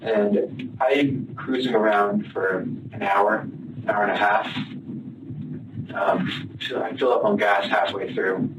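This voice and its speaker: A man being interviewed as a suspect, talking in a halting, flat, matter-of-fact way. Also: lowish voice. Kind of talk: police interview. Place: police interview room. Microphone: far-off room camera. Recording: echoey noisy room from far off.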